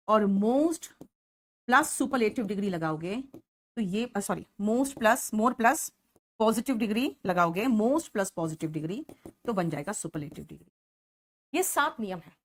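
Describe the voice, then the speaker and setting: In an online English class, this Hindi-accented woman teacher walks through the rules one step at a time, calling on students by name. Her voice sits at medium pitch.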